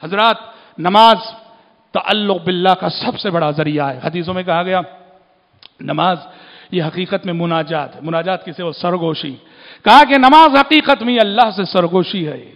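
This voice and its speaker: A man's voice: high-pitched, fairly bright tone. A man preaching a sermon in oratorical style, repeating his phrases for emphasis. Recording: long hall reverb.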